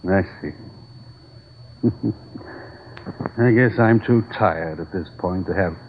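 An actor playing a tired, subdued widower who is a murder suspect in a 1940s radio drama, heard over a tinny old broadcast with hiss. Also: male voice, sits low, slow pace. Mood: weary.

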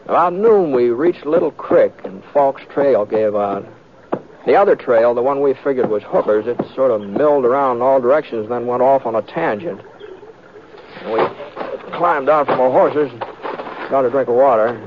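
Voicing an easygoing veteran western lawman and tracker, the lead actor and narrator of this 1940s-50s radio drama speaks in a relaxed, folksy mood, lightly acted at medium pitch. He drawls unhurriedly and hesitantly, slipping in murmured asides, heard through a muffled, noisy old recording full of clicks.

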